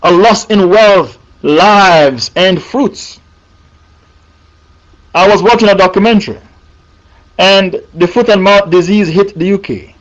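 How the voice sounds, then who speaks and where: A man's voice: sits high, takes it slowly, pauses often, dull audio. A man preaching a sermon, emphatic and repeating his points for the listeners.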